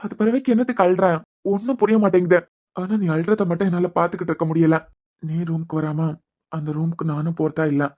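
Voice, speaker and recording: A man's voice: sits high, fairly even intonation, darkish tone, natural voice. A man voicing a lovesick young husband in a cartoon series, brooding to himself with a Kanyakumari accent. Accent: Kanyakumari Tamil. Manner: brooding inner monologue, fast. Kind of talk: cartoon web series voice acting. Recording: dull lo-fi recording.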